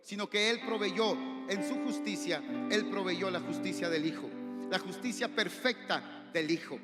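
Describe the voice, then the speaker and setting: A male pastor with a Mexican accent preaching a sermon in a church hall, impassioned, rising to shouts and asking the congregation questions. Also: high-pitched, moderate pace. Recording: echoey hall with long reverb, faint music.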